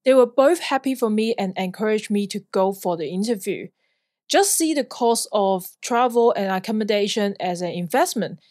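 A Hong Kong woman in her thirties, a podcast host and flying instructor, tells a personal story in an earnest, plainly worded way with an occasional light laugh. Her medium-pitched voice is expressive and a little mellow at a moderate pace, recorded dry with clean studio sound.

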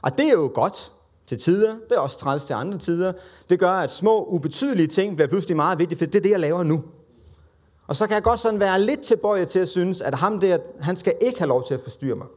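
A man's voice: high-pitched, animated, a little mellow. A man preaching a conversational, self-deprecating sermon and acting out the voices of the people in the story.

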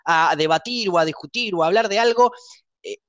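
A man's voice: high-pitched, a bit bright, no echo, lo-fi sound. A man with an Argentine Spanish accent, hosting a casual podcast chat, talking with emphatic passion and a taste for arguing. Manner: emphatic, quick to argue. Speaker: host.

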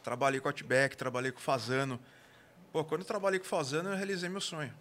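A man's voice: a little high, quick pace, a little hiss or hum. A man with a caipira Brazilian Portuguese accent from interior São Paulo, telling stories casually in slang and acting out dialogue. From interior São Paulo state, Brazil. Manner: animated, slangy, acts out dialogue. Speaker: guest, barbecue cook and gastronomy consultant. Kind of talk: casual storytelling.

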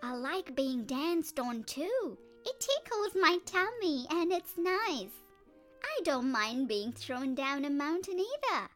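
A woman voicing a small, clever male turtle in a storybook, in a high squeaky put-on voice. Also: sing-song, slow pace, a bit bright, faint music behind, full character voice. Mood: sly pleading.

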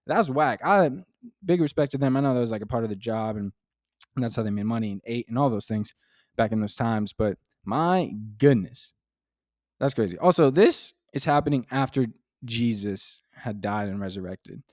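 A man's voice: medium pitch, animated, normal speed, a little mellow, no echo. Young man, podcast host, casual devotional chat, enthusiastic, rambling, dry close sound. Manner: enthusiastic, rambling, many fillers like "like". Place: home dining room.

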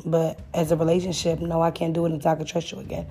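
A woman's voice: deep voice, fast, slight background noise. A young adult woman casually telling a profane personal story, acting out both sides of the dialogue. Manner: blunt, profane, animated retelling with quoted dialogue. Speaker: storyteller sharing a listener's story.

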